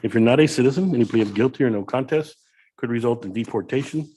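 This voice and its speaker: A very quick-talking American man with a mid-pitched voice presides as a judge. He rattles through formal admonitions and questions in a rote, procedural manner, like a court clerk. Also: mellow, slight background noise, rough recording. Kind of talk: formal courtroom plea hearing, reciting admonitions.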